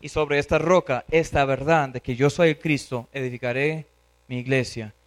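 A man preacher quoting a calm, authoritative male savior figure in a slow, low, solemn voice. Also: natural voice.

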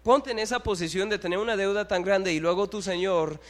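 A man preaching a sermon who asks the congregation rhetorical questions and makes lively asides. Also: high-pitched, a little fast, long reverb tail.

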